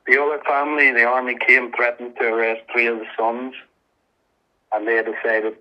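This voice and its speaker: A man giving an earnest, halting, emotional personal account as a guest in a radio interview. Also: mid-range voice, flat delivery. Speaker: interview guest, activist volunteer. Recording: muffled, band-limited radio interview sound.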